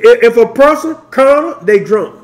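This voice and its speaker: A man's voice: very high voice, animated, normal speed. A man ministering in call-and-response style, fervently repeating praise between his phrases.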